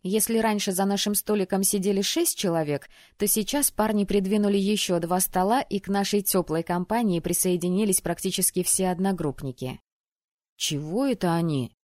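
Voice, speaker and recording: A woman's voice: medium pitch, dry recording, clean studio sound. Woman narrating a fantasy audiobook. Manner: even, measured storytelling.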